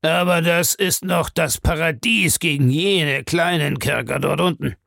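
Playing a cruel old man in an audiobook, a male narrator slowly savors the character's showing off about old torments. He pitches the voice above his own, slightly bright and crackling with gravel. The sound is close and dry, with no echo.

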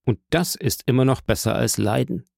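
A man's voice: mid-range voice, moderate pace, creaky, darkish tone, no room sound. A man playing a stern state prosecutor who argues with dry firmness and feverish rhetoric. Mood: firm. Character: stern, bitter male state prosecutor, fervent.

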